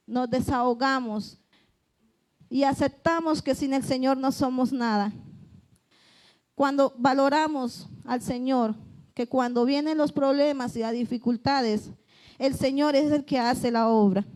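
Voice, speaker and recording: A woman's voice: high-pitched, fairly even intonation, unhurried, pauses often, a little mellow. A woman preaching a conversational church sermon, earnest, often voicing pleading prayers aloud. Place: church service.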